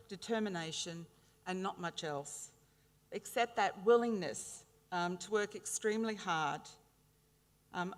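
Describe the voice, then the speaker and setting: In a large, reverberant indoor graduation hall, a middle-aged Australian woman with a lowish voice gives a formal ceremonial speech. Her delivery is measured, and she shares warm, humorous anecdotes.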